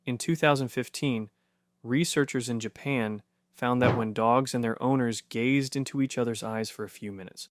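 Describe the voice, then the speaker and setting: A man giving scripted narration for an explainer video, punchy and conversational with quick rhetorical questions. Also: medium pitch, no echo, studio quality.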